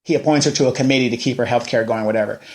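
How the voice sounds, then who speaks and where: A man in his forties hosts a local news show, ranting casually about politics and firing off rhetorical questions. His medium-pitched voice has a darkish tone and races along.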